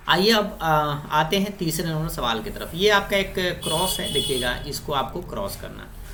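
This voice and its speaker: Young woman, low-pitched, patient exam-prep maths tutor with a soft hiss behind her. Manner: patient, repetitive explaining with frequent "dekhiye" and "thik hai". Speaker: maths teacher. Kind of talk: exam-prep lesson over worked problems.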